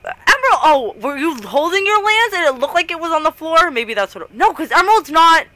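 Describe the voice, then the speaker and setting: A woman streaming a game and chatting with friends over voice chat, laughing often and getting excited. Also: very high-pitched, brisk, no echo, poor audio. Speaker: streamer hosting a group game session.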